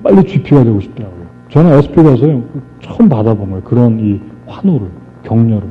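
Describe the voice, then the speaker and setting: A middle-aged man giving an animated storytelling speech to a live audience, joking with the crowd and acting out conversations. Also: medium pitch, fast talker. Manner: animated, re-enacts dialogue and jokes with the crowd. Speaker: motivational speaker. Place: stage before a live audience. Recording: tinny lo-fi archive recording with faint music.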